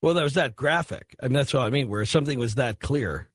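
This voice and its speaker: A man's voice: medium pitch, fast talker, husky, dry recording. A man hosting a late-night radio talk show in a mid-range voice, the sound dry and close. He rambles and hesitates, circling back on himself with fillers and restarts as he talks.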